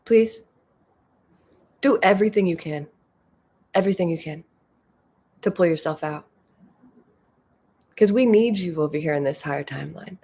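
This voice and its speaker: A woman's voice: fairly low pitch, moderate pace, long pauses, dark tone, slightly rough. A woman talking casually as a spiritual coach, acting out inner voices and swearing here and there.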